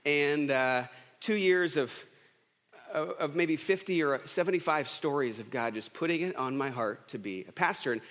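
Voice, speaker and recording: A thirty-something pastor tells stories from the pulpit in a casual, talkative sermon, poking fun at himself and frequently starting sentences over. He speaks at a normal speed with a bright-ish, higher-than-average voice, and the sanctuary adds a long church reverb.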